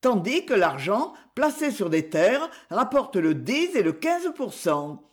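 A woman voicing a talkative, jealous village washerwoman who speaks in a shrill, quick-tongued way. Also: sing-song. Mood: teasing.

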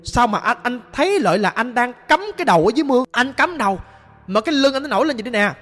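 A man's voice: very high-pitched, expressive, racing, fairly bright tone, heavily acted. A man with a Southern Vietnamese accent voicing the sorrowful ghost of a young man, recounting in a plain, rambling way with many restarts. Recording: long reverb with music behind.

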